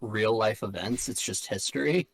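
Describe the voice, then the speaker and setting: A man's voice: lowish voice, moderate pace, vocal fry, dry recording, poor audio. A man co-hosting a podcast over a video call, chatting casually in a laid-back, dry way. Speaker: podcast co-host. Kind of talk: casual chat. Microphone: video call microphone.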